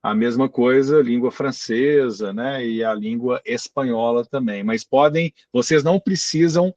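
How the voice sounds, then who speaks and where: A man's voice: medium pitch, measured pace, darkish tone, no echo. A man, a professor explaining graduate admissions in an online session, often checking in with listeners. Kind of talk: online info session, answering questions. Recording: dull distant video-call audio.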